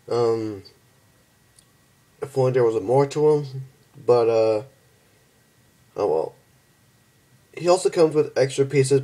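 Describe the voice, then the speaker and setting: A young man casually reviewing and transforming a toy figure, halting and stumbling over his words, tired from just waking up. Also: medium pitch, dark tone. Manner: halting, stumbles and restarts often.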